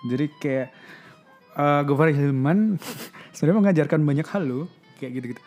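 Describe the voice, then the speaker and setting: A man's voice: on the high side, normal speed, darkish tone, faint music behind. A young man talking casually and reflectively, with self-mocking laughter. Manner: chatty, reflective, laughs at himself. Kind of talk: casual personal talk.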